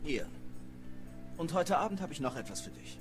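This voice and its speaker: Rich: a cheeky young blacksmith's son in a medieval video game. His lively voice swoops up and down, and game music plays clearly behind him. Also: on the high side, normal speed.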